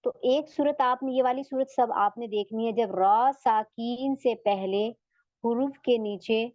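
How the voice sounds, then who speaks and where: A woman with an Urdu accent teaching recitation rules, patiently repeating example words slowly. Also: fairly high pitch, darkish tone, no room sound. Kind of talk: slow step-by-step tajweed lesson. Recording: dry, dull lo-fi audio.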